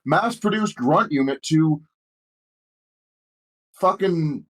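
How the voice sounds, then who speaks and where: A male podcast guest with a high voice. He jumps in eagerly, restarting his sentences and dropping casual curses. The talk is loose and opinionated. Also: lively intonation, a bit bright, poor audio. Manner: quick, restarts often, swears casually. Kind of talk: casual chat.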